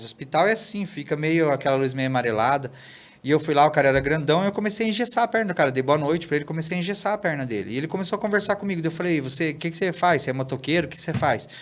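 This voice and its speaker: Fast-talking man telling stories. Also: on the high side. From Brazil. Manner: animated, tags sentences with "né?" and "cara". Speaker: pastor, podcast guest. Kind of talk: casual storytelling in a podcast interview.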